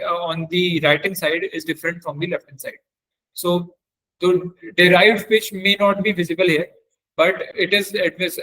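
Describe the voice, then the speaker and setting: This man, his voice somewhat high-pitched and sharp in tone, runs a technical webinar in the manner of a trainer demonstrating something on screen. He explains haltingly, repeating phrases and correcting himself, and the recording quality is rough.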